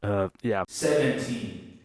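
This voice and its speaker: A man's voice: lowish voice, animated, slow pace, a little mellow, no room sound, studio quality. A man hosting a casual ranking commentary, sarcastic and joking, with playful jabs. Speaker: host.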